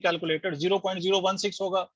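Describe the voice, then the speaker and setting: High-voiced man teaching an online class. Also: little pitch movement, quick pace, fairly bright tone, dry recording. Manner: explains step by step, quizzes students, mixes English terms into Hindi. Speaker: physics teacher. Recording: dull lo-fi dry audio.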